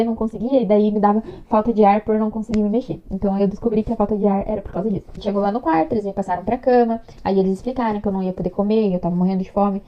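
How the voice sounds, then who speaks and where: A woman's voice: mid-range voice, muffled recording. A young Brazilian woman telling her birth story to the camera in a chatty, emotional way, acting out what others said. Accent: Brazilian Portuguese. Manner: chatty, emotional, acts out dialogue.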